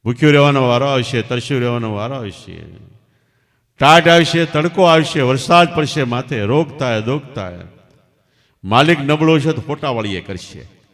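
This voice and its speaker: A man's voice: medium pitch, normal speed. Emphatic man preaching. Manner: emphatic, rising and falling sharply in loudness. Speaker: spiritual teacher. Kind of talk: devotional storytelling sermon. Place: large hall at night satsang. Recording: long hall reverb.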